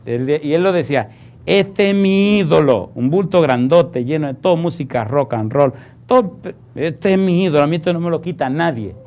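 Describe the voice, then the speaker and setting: A male pastor preaching a sermon, telling anecdotes in a folksy way and building to loud, forceful exhortation. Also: medium pitch. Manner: folksy storytelling, calls listeners "compadre".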